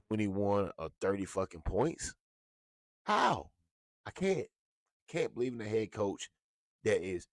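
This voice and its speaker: A man's voice: on the low side, a little mellow, no echo. A man giving a blunt, profane, heated rant as a sports commentator. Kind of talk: ranting sports talk.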